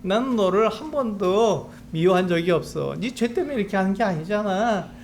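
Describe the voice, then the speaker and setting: A man voicing God speaking gently and reassuringly to a suffering believer, in a fairly high voice. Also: lively intonation, moderate pace, a little hiss or hum. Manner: reassuring, repeating himself.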